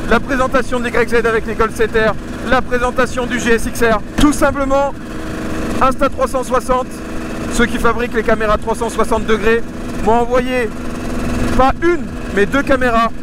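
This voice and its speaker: A man vlogging casually and excitedly from inside a motorcycle helmet while riding, raising his voice and using plenty of slang. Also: very high-pitched, moderate pace. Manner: loud, raised voice over the engine, slangy. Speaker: motovlogger presenting a camera. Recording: engine noise behind helmet-mic voice. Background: motorcycle engine and road noise.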